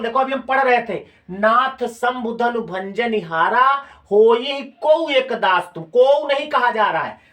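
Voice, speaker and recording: A man's voice: extremely high pitch, fairly bright tone. Hindi-accented man teaching a class. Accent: Hindi of Uttar Pradesh. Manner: repeats key phrases and quizzes students with questions. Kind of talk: classroom lecture.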